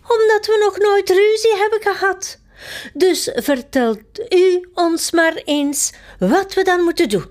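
A woman reading a storybook aloud and voicing a cheerful, giggling queen who wants to quarrel. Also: takes it slowly. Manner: very high, gleeful and giggling.

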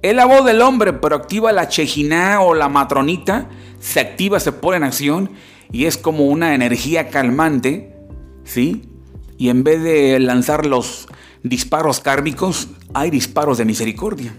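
A man's voice: a little high, unhurried, soft background music. A man giving a religious lecture, explaining scripture step by step and often asking his listeners rhetorical questions.

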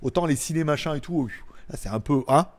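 A man's voice: on the high side, fast talker. A man of forty hosting a live stream, chatting casually and reading viewer comments in a rambling, joking way. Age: 40s.

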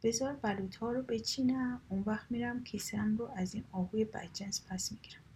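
A woman voicing a quarrelsome, hot-tempered male squirrel in a children's storybook, speaking loudly and indignantly. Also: a little high, fairly even intonation, slight background noise, close to an everyday voice. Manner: loud, indignant.

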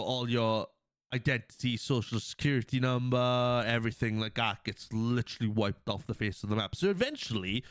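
A man's voice: medium pitch, no echo, studio quality. Sniffly man recapping a movie. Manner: animated storytelling, acts out quotes, laughs often. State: has a cold, sniffling. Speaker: podcast host. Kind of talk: casual movie recap chat.

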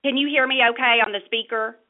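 A woman, a mother taking part as a guest, talking warmly and chattily over a phone speaker. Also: on the high side, steady tone, quick pace. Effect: heard over a phone speaker. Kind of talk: casual phone chat. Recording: narrow phone-line sound.

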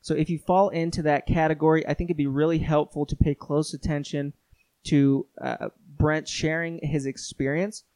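A man's voice: a little high, flat delivery, moderate pace, a little mellow, no echo. Earnest male podcast host, dry close sound. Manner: earnest, thoughtful, with fillers and restarts. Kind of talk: conversational podcast intro and interview.

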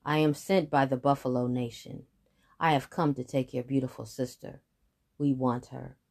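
A large male buffalo speaks low and blunt, put on by a woman reading a storybook. His words come out gruff and unhurried. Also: fairly even intonation, darkish tone.

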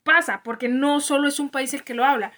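Young mexican woman hosting a podcast, high voice, chatty, laughs a lot. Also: fairly even intonation, fairly quick, fairly bright tone. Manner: chatty, laughs often, many restarts. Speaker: podcast co-host. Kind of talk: casual podcast chat.

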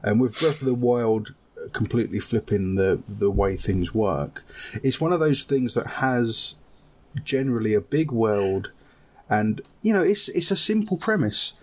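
A man with a slightly husky voice talks casually about games with friends. He argues his views in an animated way, often repeating the same phrase. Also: lowish voice, unhurried. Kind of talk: casual gaming chat.

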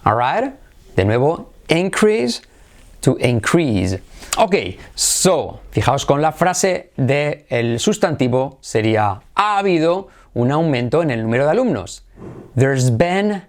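A man with a Spain Spanish accent teaching English pronunciation in Spanish, stretching out each English word as a model, then rattling through his Spanish explanations. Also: fairly high pitch. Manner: slows right down to model English words, then chatters fast in Spanish. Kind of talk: Spanish-language English lesson.

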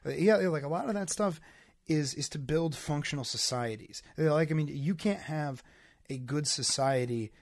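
A man's voice: fairly high pitch, moderate pace, no room sound, clean studio sound. A man in casual chat who rambles, restarting his sentences and stacking up fillers.

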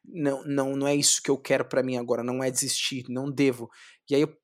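A young man from Brazil, a street clown, telling his story in a casual interview, lively, swearing often and acting out what he said back then. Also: medium pitch, fast talker. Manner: animated, swearing, acts out his own past words.

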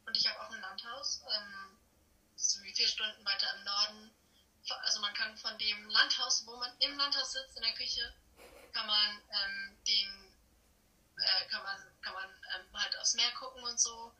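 Over an echoey, distant phone or video call, a teenage exchange student from Germany is interviewed in casual chat. Her medium-pitched voice is steady, pushed and bright at normal speed, and she's effusive and self-deprecating.

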